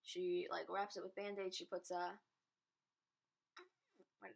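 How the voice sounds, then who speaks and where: A woman's voice: on the low side, little pitch movement, takes it slowly, gravelly, low-quality recording. A teenage girl telling a story in a casual vlog, chatty and self-mocking. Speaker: vlogger.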